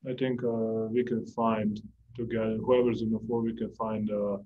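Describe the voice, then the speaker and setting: A young male basketball player answering postgame press questions calmly, searching for words, in a press room. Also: normal speed, phone-quality sound, a little hiss or hum. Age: young adult. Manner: calm, low-key, searching for words. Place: press room before a sponsor backdrop.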